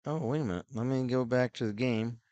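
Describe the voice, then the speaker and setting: A man's voice: medium pitch, fast, darkish tone, no echo, highs cut off. A middle-aged man filling time on a hockey broadcast, rambling with many fillers as he reads out viewer messages. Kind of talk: casual play-by-play filler chat.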